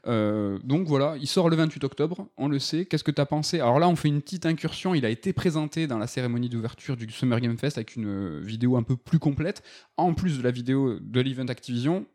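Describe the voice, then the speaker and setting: A man's voice: medium pitch, lively intonation, brisk, darkish tone. A man hosting a casual gaming podcast, chatty and full of hesitation fillers. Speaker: podcast host.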